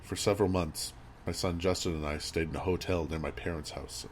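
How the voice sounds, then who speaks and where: A man reading a scripted horror story as narrator, in a measured, grave storytelling manner. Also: low voice, steady tone. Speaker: creepypasta narrator. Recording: audible background noise and ambience.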